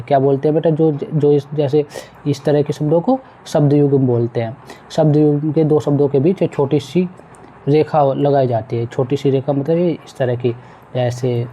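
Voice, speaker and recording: A man with a mid-range, warm voice patiently guides pupils through a textbook exercise during a school lesson, repeating words as he goes. There's a slight hiss or hum on the recording.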